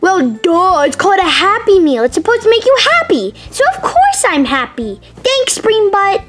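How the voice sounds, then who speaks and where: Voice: extremely high pitch, wildly swooping pitch, normal speed, fairly bright tone, faint music behind, full character voice. A young performer voicing a whiny, demanding bunny animatronic plush in a homemade puppet video. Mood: smug.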